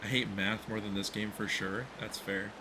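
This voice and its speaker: A man's voice: lowish voice, level tone, normal speed. A man streaming a video game, chatting casually and teasing with frequent laughter. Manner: playful, laughs often, teasing. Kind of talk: casual live-stream chat while gaming. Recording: noisy background.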